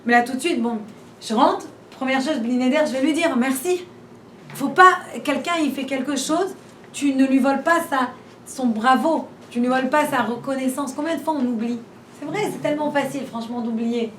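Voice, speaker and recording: A woman runs an informal class in her teaching room, talking chattily with plenty of rhetorical questions and frequent repeats and restarts. She speaks at normal speed in a high voice. Faint background noise sits under a roomy, distant recording.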